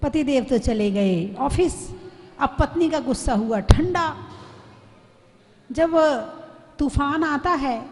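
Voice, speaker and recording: A woman Jain nun preaches a devotional sermon in a storytelling way, often turning questions to her listeners. Her voice sits high for a woman. Long reverb from a large hall trails every phrase. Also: animated, takes it slowly, long pauses, a little mellow. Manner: storytelling, asks the audience questions.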